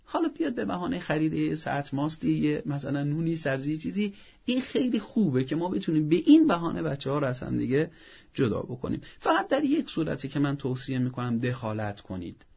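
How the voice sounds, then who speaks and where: A man with a slightly high, creaky, somewhat rough voice and big pitch swings speaks as a parenting expert on a show. Earnest and didactic, he offers advice and raises his voice to play out how parents scold. The recording sounds lo-fi.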